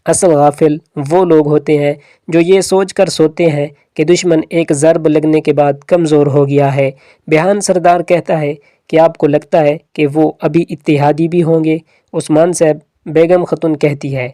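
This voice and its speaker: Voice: medium pitch, warm tone, dry recording, clean studio sound. A narrator retelling a drama episode's plot, reading the characters' lines as quotes within the story.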